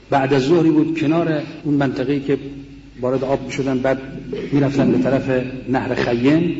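Middle-aged man, earnest veteran storyteller, mellow tone, long reverb of a big hall. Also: medium pitch. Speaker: war veteran speaker. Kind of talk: recounting memories to an audience. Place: large mosque hall. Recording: dull sound in a reverberant hall.

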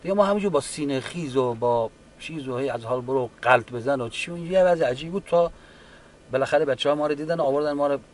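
A man, a wounded war veteran, giving a halting, unhurried personal account with frequent restarts. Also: fairly high pitch. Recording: distant mic with faint background ambience.

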